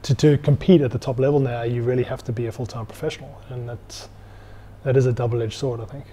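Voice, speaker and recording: A man's voice: medium pitch, fairly even intonation, fast talker, warm tone. A man in his thirties from South Africa, speaking reflectively and articulately as an interview guest. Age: 30s. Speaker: interview guest, former professional rugby player. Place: indoors in an empty bar. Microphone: clip-on lapel mic.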